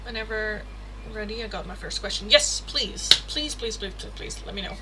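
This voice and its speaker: A young woman from the Netherlands, speaking with a Dutch accent in a mid-range voice at a moderate pace, hosts a tarot livestream. She's chatty, laughing often and swearing casually as she reads oracle cards aloud, with heavy background noise.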